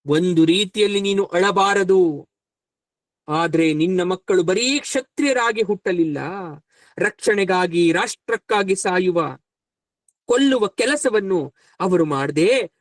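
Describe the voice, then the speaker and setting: A man voicing Krishna as a calm divine counselor who reasons and rebukes steadily. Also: high voice, no echo.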